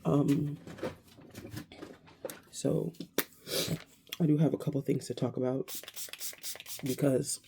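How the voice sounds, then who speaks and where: A woman in her thirties talking to camera in a casual, reflective vlog, hesitant and searching, with many pauses and restarts. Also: deep voice, steady tone, vocal fry, noisy background. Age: 30s. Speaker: vlogger.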